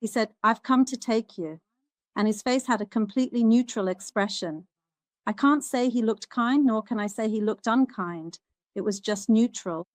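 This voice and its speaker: A woman's voice: fairly high pitch, moderate pace, darkish tone, dry recording. A woman earnestly recounting a personal experience in the first person, turning emphatic when she repeats what she said. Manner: earnest, rising to emphatic when quoting herself. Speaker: guest recounting a near-death experience.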